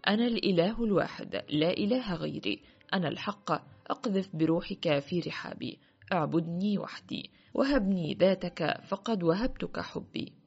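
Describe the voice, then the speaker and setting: Woman reading a fervent young prince, husky. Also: fairly low pitch, lively intonation, moderate pace, darkish tone, heavily acted. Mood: earnest. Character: fervent young male prince, a visionary believer. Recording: muffled with faint music.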